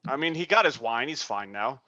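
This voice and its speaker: A player at a tabletop game, speaking deliberately and partly in character. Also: medium pitch, animated, sharp tone, muffled recording. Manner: slow, deliberate, half in character. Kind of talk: casual tabletop play.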